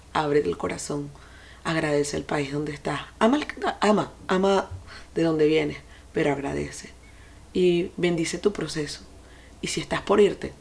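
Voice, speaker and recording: A woman's voice: low voice, gravelly, a little mellow. A woman with a Venezuelan accent hosting a solo podcast, telling stories and speaking straight to her listeners with advice. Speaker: podcast host. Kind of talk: reflective solo podcast monologue.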